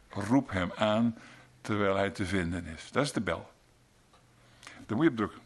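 A male preacher delivers an earnest sermon, hammering his points home by repeating phrases. His voice sits fairly low and has a gravelly, creaky edge. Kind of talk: sermon with closing prayer.

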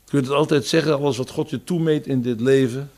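A man preaching a sermon, quoting psalms and scripture, with raised emphasis that falls to quiet phrases. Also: mid-range voice, fast.

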